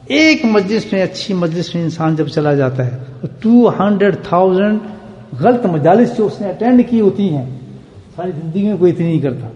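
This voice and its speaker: A man preaching a sermon at a remembrance gathering, firing rhetorical questions and swinging from loud emphasis to hushed asides. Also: high voice, animated, dull audio. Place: gathering hall. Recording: echoey hall with long reverb.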